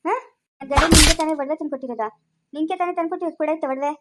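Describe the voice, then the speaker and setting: A woman's voice: very high-pitched, fast talker, very noisy. Woman doing a bossy scolding mother-in-law. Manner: scolding, repeated questions.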